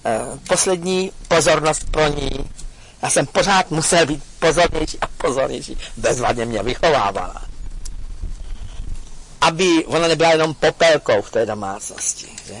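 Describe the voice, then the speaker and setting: A man giving an earnest, confessional talk to an audience, telling a personal story with hesitant pauses. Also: on the high side, slight background noise, rough recording. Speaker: speaker addressing an audience.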